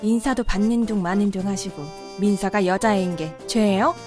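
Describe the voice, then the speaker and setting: A woman's voice: mid-range voice, moderate pace, natural voice. A woman voicing a respectful yet insistent daughter-in-law and mother, in a cartoon drama. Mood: upset. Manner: polite, respectful, growing insistent. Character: daughter-in-law, polite but firm mother. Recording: faint background music.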